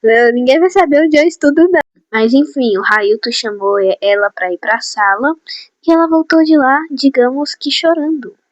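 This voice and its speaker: A teenage girl telling school gossip to her viewers in a chatty, animated way, on a phone mic in a small room. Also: high-pitched, normal speed, dry recording, highs cut off. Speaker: vlogger. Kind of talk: casual gossip storytime. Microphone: phone or headset mic.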